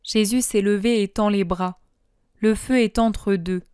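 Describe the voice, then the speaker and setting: A woman reading devotional scripture-style narration in a slow, solemn way. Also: mid-range voice, steady tone, dark tone, smooth, no echo, studio quality. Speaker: audiobook reader.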